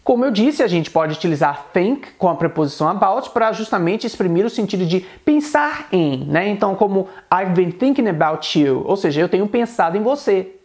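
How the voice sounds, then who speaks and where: A man teaching an online English pronunciation lesson, explaining patiently and repeating example words slowly. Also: high-pitched, expressive.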